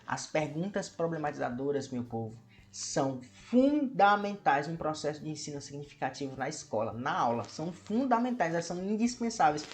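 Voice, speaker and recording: A man's voice: fairly high pitch, lively intonation, fairly quick. Brazilian man teaching with rhetorical questions. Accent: Brazilian Portuguese. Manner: asks many rhetorical questions and addresses viewers as "meu povo". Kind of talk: lesson explanation to camera.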